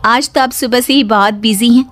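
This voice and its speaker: A young wife asks her husband light, curious questions in a cartoon, voiced by a woman. Her voice is somewhat high, with faint music behind it. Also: normal speed, lightly acted.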